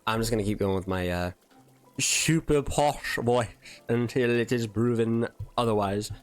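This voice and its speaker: A man streaming a video game, talking casually and excitedly, swearing and saying bro. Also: mid-range voice, measured pace, soft background music. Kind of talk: casual gaming commentary.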